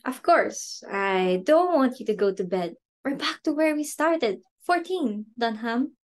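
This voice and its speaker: A woman with a high-leaning voice and lively intonation plays a status-obsessed, imperious, short-tempered society hostess and mother at an amateur play reading. Her pace is unhurried, but her indignant, theatrical delivery comes across as brisk and commanding.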